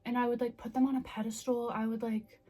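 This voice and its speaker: A woman's voice: a little high, flat delivery, fast, warm tone. A woman in her twenties chatting casually and candidly to the camera in a self-reflective, confessional way. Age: 20s. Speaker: vlogger.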